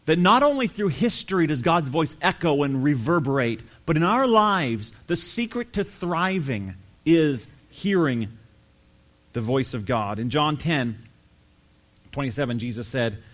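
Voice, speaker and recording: Man preaching, earnest, leans on key words slow, fairly high voice. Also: animated, a bit bright. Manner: earnest, emphatic with slow stressed phrases. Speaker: pastor. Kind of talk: sermon.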